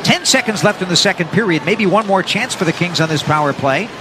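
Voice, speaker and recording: A North American man calling live ice hockey play-by-play for radio in an energetic, descriptive running style. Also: high-pitched, fairly quick, background noise. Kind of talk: live sports play-by-play commentary.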